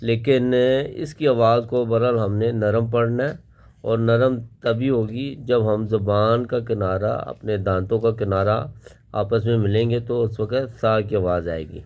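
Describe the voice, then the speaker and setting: A man's voice: mid-range voice, fairly even intonation, narrow, tinny audio. A man teaching Quran letter pronunciation, explaining each sound and then drilling it syllable by syllable. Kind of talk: slow step-by-step recitation lesson.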